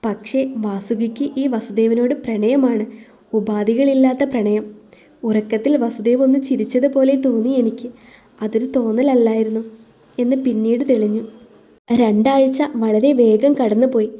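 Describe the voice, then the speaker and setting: A woman narrating a first-person audio story in a calm, even reading voice. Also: on the high side, moderate pace.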